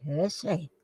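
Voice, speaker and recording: Toothless-sounding, slow-paced woman. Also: lowish voice, dark tone, husky. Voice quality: toothless, slightly slurred articulation. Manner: chatty, informal, repeats questions. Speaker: live chat quiz host. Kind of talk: casual live chat, reading out quiz questions.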